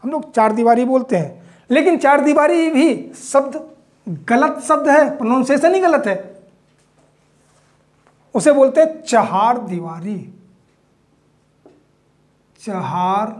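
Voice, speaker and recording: Unhurried and leaving long pauses, a very high-voiced man leads a Hindi spelling class, writing words out and explaining them with patience. He often checks in with "theek" and blends English phrases into his speech.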